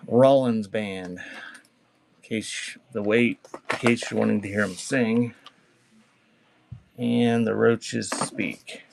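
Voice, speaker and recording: A man with a fairly low, fairly even voice chats casually as a live-stream auction seller, reading out cassette titles slowly with long pauses. He rambles and teases, and the background is clearly noisy, with clicks.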